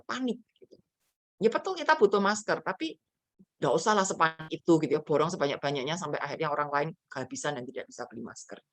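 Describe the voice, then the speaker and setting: A woman pastor preaching to students in a chatty storytelling way. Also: on the low side. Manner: chatty storytelling with frequent fillers. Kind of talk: sermon to a student fellowship.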